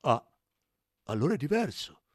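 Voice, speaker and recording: A man voicing a big, slow-witted and loyal male workhorse who speaks earnestly. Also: medium pitch, big pitch swings, husky, no echo, studio quality, voice pushed up. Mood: trusting.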